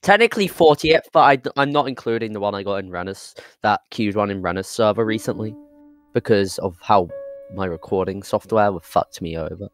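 A man's voice: fairly low pitch, fairly quick, no room sound. A young man in casual voice chat while gaming, loose and rambling, cursing now and then. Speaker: gamer. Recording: game music playing behind. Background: game music.

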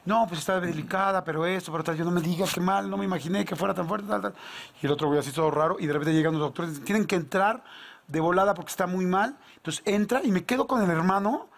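Man, mexican spanish accent, high-pitched, rapid, animated storyteller. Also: gravelly. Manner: animated storyteller, acts out dialogue, slangy. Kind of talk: casual anecdote telling.

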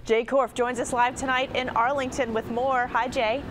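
American female news anchor, fairly high voice. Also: level tone, normal speed, a little hiss or hum. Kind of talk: scripted news presenting.

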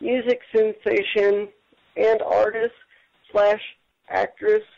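A man's voice: sits high, steady tone, takes it slowly, creaky, a little mellow, muffled recording. A man hosting an internet radio show, chatting casually with his guest and praising her generously. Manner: upbeat, full of praise.

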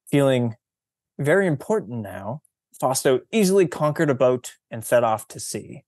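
Male presenter, teacherly read-aloud, unhurried delivery, mid pitch, dry close sound. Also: very animated, a little mellow, no room sound. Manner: slow, deliberate, teacherly storytelling. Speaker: presenter reading a picture book.

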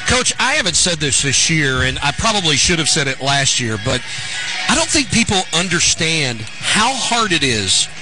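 A man's voice: on the high side, big pitch swings, moderate pace, over music, low-quality recording. A man working as a radio announcer, interviewing a coach after a game with polished, stat-led questions.

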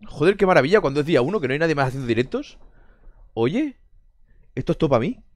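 A man's voice: on the high side, animated, quick pace, no echo. A man from Spain chatting casually on a live stream, answering chat with sarcastic jokes, frequent swearing and bursts of laughter.

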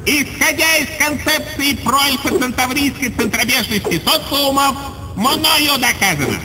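A man voicing an excitable, pedantic alien rodent professor in a cartoon, pompous and fussy. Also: very high-pitched, measured pace, noisy background. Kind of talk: cartoon voice acting.

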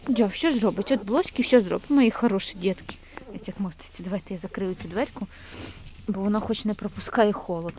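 A woman rescuing a stray dog and puppies, narrating quickly and nervously while filming on her phone outdoors by a forest, slipping into high baby talk with the dogs. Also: a little mellow, slight background noise. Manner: talks fast when nervous. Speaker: animal rescue volunteer. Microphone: phone camera held while filming.

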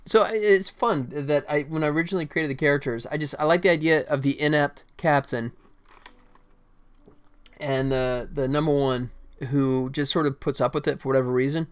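Working on game development at his computer in a small room, a man in his forties chats casually on a live stream. He sounds clear and resonant, a little high-pitched, at a moderate pace. Keyboard typing and faint music fill the background.

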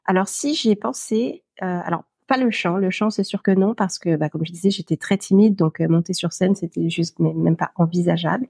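A woman, speaking in a fairly low voice as a podcast guest. She pauses often and hunts for words, filling gaps as she goes. The recording is close and dry, with no room sound. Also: creaky, a little mellow, breathy edge, no room sound. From Paris, France. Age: 40s. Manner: hesitant, many pauses and fillers. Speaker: interview guest. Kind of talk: podcast interview.

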